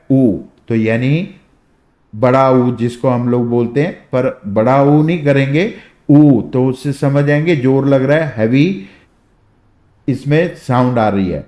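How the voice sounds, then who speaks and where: Slow-speaking man teaching shorthand. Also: mid-range voice, a little mellow. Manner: slow, drawn-out demonstration of vowel sounds. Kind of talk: explanatory lesson. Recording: echoey room.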